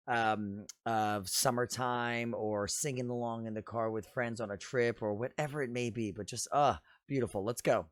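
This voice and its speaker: In a clean studio recording with no room sound, a man in his forties with a deep, raspy voice reacts to music, chatting casually and with plenty of enthusiasm.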